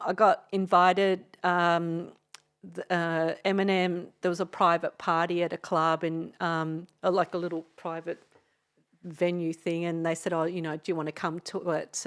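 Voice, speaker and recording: A middle-aged Australian woman who works as a DJ and radio host tells a story in a casual podcast interview. Her voice is on the low side, clear and resonant, and she rambles with frequent hesitations and laughs.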